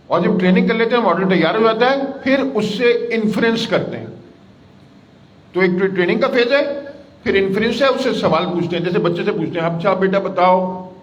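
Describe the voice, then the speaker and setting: A man with a high voice teaches a class in plain, everyday terms. He stops often to quiz his students. The recording is dull and lo-fi. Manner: explains simply with everyday examples and quiz questions to the class. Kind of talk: classroom lecture.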